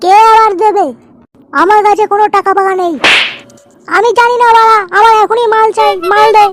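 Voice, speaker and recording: A man with a West Bengal accent voicing a pushy, freeloading drunkard in a comic cartoon, nagging repetitively through a pitched-up effect. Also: fairly even intonation, fairly quick, shouting, very noisy. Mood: pestering. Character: pushy, freeloading male drunkard craving booze.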